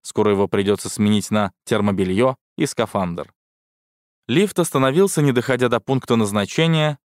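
A man's voice: fairly low pitch, normal speed, no echo. Wry male audiobook narrator, dry sound. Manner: wry, sardonic. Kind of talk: scripted first-person sci-fi narration.

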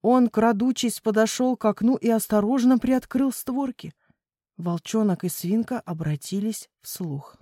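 A woman narrating a children's audiobook with an expressive, measured delivery. She reads very slowly, letting each phrase land. The recording is dry and close, with no room echo. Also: on the high side.

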